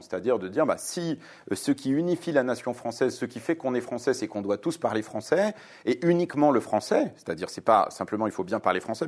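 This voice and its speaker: A Lebanese man in his forties, appearing as a guest author on a radio interview, answers questions fluently and with reasoned points, though with many hesitations and fillers. His voice is mid-range and a little mellow.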